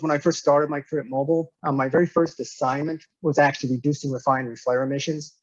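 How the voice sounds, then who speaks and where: A man in his fifties from Nevada, giving an online business presentation as a guest speaker and company director, with measured pacing, frequent "uh" fillers and repeated words. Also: a little high, darkish tone, dry recording, muffled recording. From United States, Nevada.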